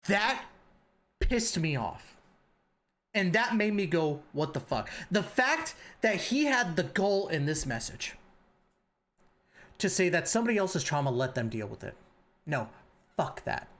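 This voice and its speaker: A man's voice: sits high, very animated, unhurried, pauses often, a bit bright. A male streamer furiously ranting and swearing while reacting to online drama. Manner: angry, profane, ranting.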